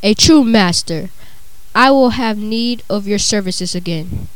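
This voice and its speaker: A woman voicing a haughty male usurper lord in a measured, lordly way for a storybook tale. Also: mid-range voice, close to an everyday voice, rough recording. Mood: approving. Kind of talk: dramatised storybook reading.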